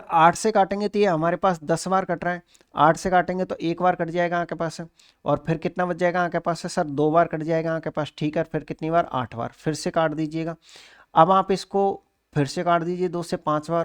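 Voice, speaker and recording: High-voiced man teaching exam maths. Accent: Hindi from Rajasthan. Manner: asks and answers his own questions, addressing students as sir; step-by-step explaining of calculations. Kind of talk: exam-prep maths lesson.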